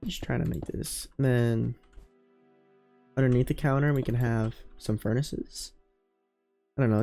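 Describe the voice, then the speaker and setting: Gravelly man thinking aloud while gaming. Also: mid-range voice, dark tone. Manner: thinks aloud, trails off and restarts, self-correcting. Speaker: let's play host. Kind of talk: casual gameplay commentary. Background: faint background music.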